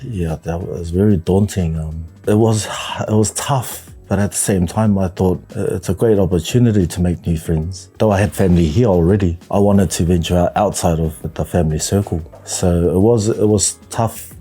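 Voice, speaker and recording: Husky, low-voiced New man. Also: dark tone, soft background music. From New Zealand, raised partly in Tonga. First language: Tongan. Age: 40s. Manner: hesitant, reflective, many pauses and fillers. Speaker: podcast guest. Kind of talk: casual interview chat.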